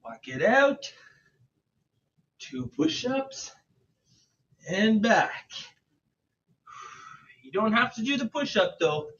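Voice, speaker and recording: A man with a high voice leads an exercise class in the manner of an aerobics instructor. He counts reps and gives short, encouraging cues at a very unhurried pace while working out himself. The sound is distant from the microphone. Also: big pitch swings, fairly bright tone, highs cut off. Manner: switches between English and French. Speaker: fitness coach leading a bodyweight warm-up class. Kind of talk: live online workout instruction. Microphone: away from the mouth, at a distance.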